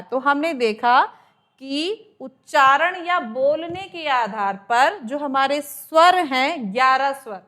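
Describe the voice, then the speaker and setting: A woman's voice: sits high, fairly bright tone. A woman teaching an exam-prep grammar lesson, explaining step by step and stretching out sounds to demonstrate them. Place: coaching class.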